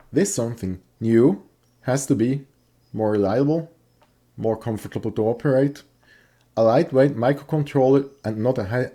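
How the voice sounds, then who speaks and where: A gecko hobbyist and maker guides us around his setup in a scripted voice-over, his voice male, mellow and mid-pitched. English isn't his first language, and his Swiss accent comes through in careful, plain narration that sometimes halts.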